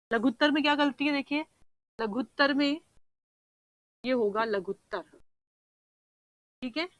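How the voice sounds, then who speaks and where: Going over exam answers, a Hindi teacher patiently explains spelling, often checking in with her students and sounding words out slowly to show how they're spelled. Her voice is fairly high, and the audio quality is poor.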